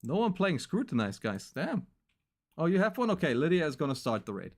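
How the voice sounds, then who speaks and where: A man's voice: fairly high pitch, big pitch swings, a little fast. Young man, streamer, casual sign-off chat, rambly and filler-heavy.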